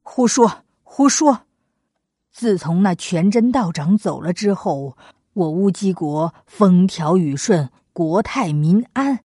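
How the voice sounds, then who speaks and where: A woman voicing a proud young male prince who speaks in loud, angry bursts with a lowered voice. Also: lively intonation, takes it slowly, husky, no room sound, clean studio sound, exaggerated voice. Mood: indignant.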